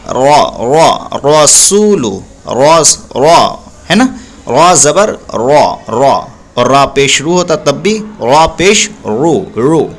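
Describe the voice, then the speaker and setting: A man teaching Quran recitation step by step, stretching and repeating syllables slowly for the learner. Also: fairly high pitch. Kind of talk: slow step-by-step recitation lesson.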